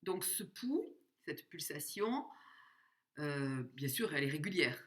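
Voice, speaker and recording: A woman giving a spoken music lesson, explaining slowly, singing short examples and counting out the beats. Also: low voice, sing-song. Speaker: music teacher.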